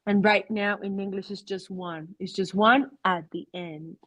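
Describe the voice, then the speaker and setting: A woman's voice: medium pitch, fairly even intonation, slow pace, a bit bright, no room sound, low-quality recording. A woman teaching English to adult learners in a video-call class, mixing English and Spanish and checking in with "okay?".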